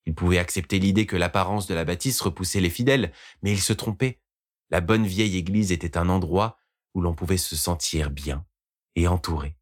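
A man narrating a scripted audiobook story in a calm storytelling manner. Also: sits low, brisk.

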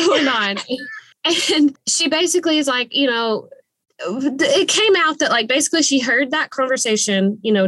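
Animated, swearing woman podcast host. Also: fairly high pitch, dry recording. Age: late 20s. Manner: animated, profane, many "like" fillers, frequent laughs. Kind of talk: casual storytelling chat.

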